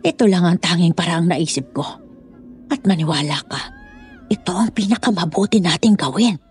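Voiced by a woman, this is a cold, scheming older woman from a spoken horror story, scolding and condescending toward everyone around her. Her voice sits on the lower side with a husky edge. It swoops up and down with lively, dramatic pitch. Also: moderate pace.

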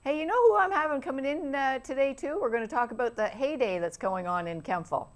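A woman's voice: high-pitched, quick pace. Woman hosting a cooking chat. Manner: encouraging, repeats the guest's words. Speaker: host. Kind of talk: casual cooking segment chat.

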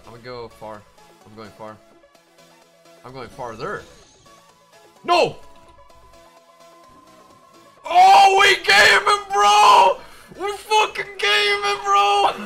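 Hyped high-voiced male gamer. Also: very animated, slow, gravelly, pauses often, soft background music. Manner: hyped, swearing, shouting bursts. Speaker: streamer. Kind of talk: excited gameplay streaming.

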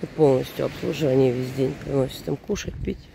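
A Russian-speaking woman in her forties who lives in Germany narrates a casual walking vlog at a seaside resort in the early morning. Her voice is extremely low and hoarse from a cold, with a steady tone and a fairly quick pace; she's chatty and rambling, correcting herself, against background noise.

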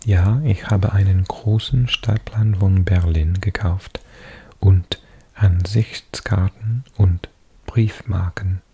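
Male ASMR whisperer: mellow, slow, soft reading delivery, close-miked. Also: deep voice, breathy edge. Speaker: ASMR video host.

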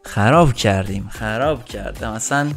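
A young man commenting excitedly on his own football video game match, shouting at the players and joking with viewers. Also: fairly low pitch, faint music behind. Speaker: gaming YouTuber.

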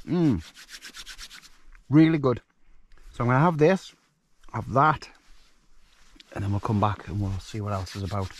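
A man chatting casually and joking as he cooks and shows gear at a wild camp outdoors at night. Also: medium pitch. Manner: chatty, joking, rambling asides. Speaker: outdoor vlogger. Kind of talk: casual outdoor cooking vlog.

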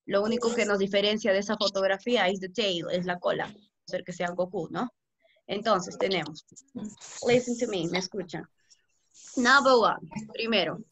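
A woman English teacher with a Peruvian Spanish accent, giving an online class slowly and with a lot of repetition. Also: medium pitch, a bit bright. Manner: slow and repetitive, code-switching. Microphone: video call. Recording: muffled video call audio, faint noise.

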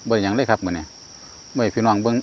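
A man with an Isan accent giving casual commentary as he fishes outdoors, breaking into loud excited exclamations. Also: lowish voice, rapid-fire. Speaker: fishing vlogger. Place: outdoors by natural water. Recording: outdoor insect noise. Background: crickets and insects.

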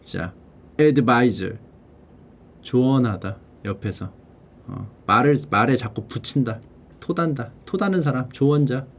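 Medium-pitched with a breathy edge, a man studies English vocabulary on a casual stream, playfully sounding out words, drawling them slowly, repeating them and translating. Now and then he mutters and swears under his breath.

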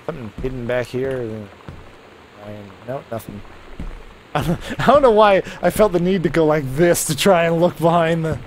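A man's voice: fairly high pitch, animated, moderate pace, slight background noise. Man muttering through gameplay commentary. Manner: muttering asides, reading game text aloud. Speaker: streamer.

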